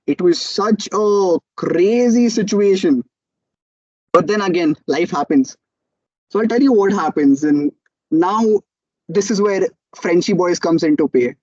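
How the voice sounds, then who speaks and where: A young man with an Indian English accent gives a motivational talk about starting out. His voice sits high and he tells the story with animated energy, slipping into other people's voices. The sound is dry and a little dull. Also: measured pace, no room sound. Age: young adult. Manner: animated storytelling, acts out quotes. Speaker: student entrepreneur speaker.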